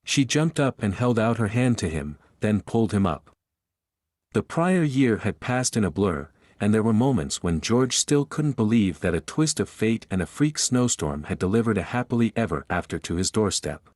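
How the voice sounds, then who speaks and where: A man narrating an audiobook romance in a steady storytelling delivery. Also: fairly low pitch, moderate pace, dry recording. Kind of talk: scripted narration.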